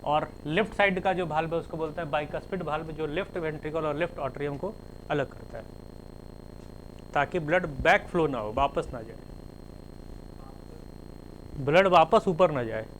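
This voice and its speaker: A man's voice: fairly high pitch, moderate pace, pauses often, a little hiss or hum, poor audio. A male teacher giving a classroom lecture, spelling terms out letter by letter and explaining with everyday examples.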